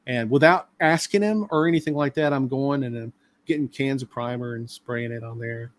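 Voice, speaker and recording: A man's voice: medium pitch, moderate pace, dry recording. A middle-aged man hosting a live stream, talking casually and at length with many fillers. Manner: rambling, talkative, lots of fillers.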